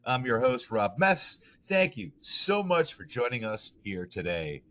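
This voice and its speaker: Lively, slow-talking man hosting a webinar. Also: mid-range voice. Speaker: webinar host. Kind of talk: scripted introduction.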